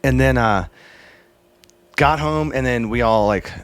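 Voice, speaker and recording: A man from Texas, a guest musician telling a lively story in a casual studio interview, swearing freely and acting out other people's lines. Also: medium pitch, a little slow, clear, resonant tone. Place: recording studio.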